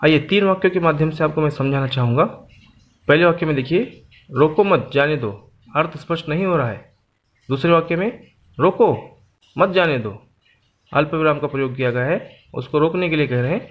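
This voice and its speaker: A man's voice: on the high side, brisk, highs cut off. A man teaching a school grammar lesson, speaking patiently and repeating his points and lists.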